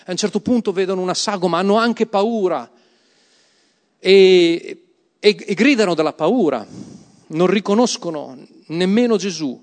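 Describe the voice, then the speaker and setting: Brief: male preacher, emphatic, slightly high voice, church hall with long echo. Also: normal speed. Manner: emphatic, calls the congregation to repeat words. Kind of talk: sermon with Bible reading.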